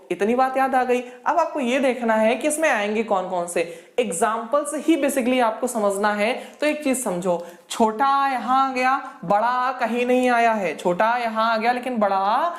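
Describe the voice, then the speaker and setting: A woman teaching Hindi grammar for an exam, repeating each point and quizzing her listeners with quick rhetorical questions. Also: on the high side. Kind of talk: exam-prep lecture. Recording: roomy echo.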